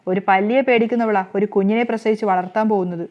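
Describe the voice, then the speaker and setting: A woman voicing a scheming, sharp-tongued older mother-in-law who scolds loudly and angrily. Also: medium pitch, steady tone, fast, lightly acted. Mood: angry. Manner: scolding, loud and angry. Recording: slightly muffled lo-fi recording.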